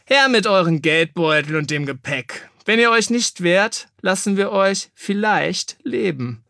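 A man's voice: sits high, lively intonation, a little slow, vocal fry, bright, forceful tone, no room sound, studio quality, voice pushed up, full character voice. Man doing a jeering bandit leader. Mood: menacing. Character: menacing male bandit leader, gloating.

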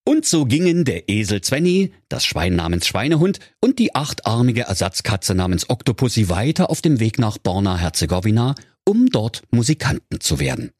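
A man's voice: lowish voice, big pitch swings, normal speed, few pauses, darkish tone, slightly rough, no room sound. A man narrating a comedic fairy tale for a radio play in a dry storytelling manner.

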